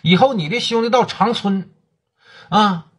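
A man with a Northeastern Mandarin accent voicing a calm, shrewd male city gang leader who speaks low and unhurried. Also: husky. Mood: lecturing.

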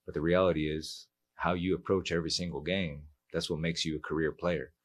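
A man in his forties, a football coach speaking at a post-match press conference into a table mic, measured and reflective with many fillers. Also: sits low, little pitch movement. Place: press room.

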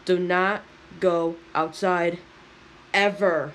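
A woman voicing a stern adult news announcer who gives slow, emphatic warnings. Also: fairly low pitch, fairly even intonation, slight background noise, voice pushed down.

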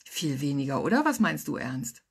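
A woman's voice: big pitch swings, moderate pace, gravelly, breathy edge, heavily acted. A woman voicing an eager, rambling older woman at a public pool who chatters on and on. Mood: wondering. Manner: gushing, rambling, high-pitched squeals.

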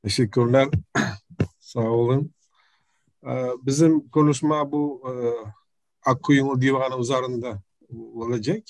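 A middle-aged man with an Uzbek accent giving an academic presentation on a video call, speaking halting, broken non-native Turkish mixed with Uzbek. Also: medium pitch, fairly even intonation, dry recording, rough recording. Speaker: professor presenting research. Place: indoor room, video call. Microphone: computer microphone on video call.

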